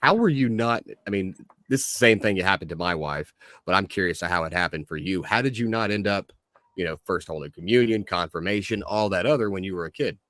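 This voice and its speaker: A man's voice: low voice, expressive, quick pace, fairly bright tone, no room sound, clean studio sound. A man hosting a podcast in casual chat, with a joking, teasing manner. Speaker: podcast host.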